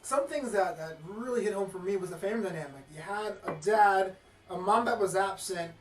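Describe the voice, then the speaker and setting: A man co-hosting a casual review chat about wrestling films, animated and slangy. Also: sits high, brisk, reverberant, distant mic, soft background music.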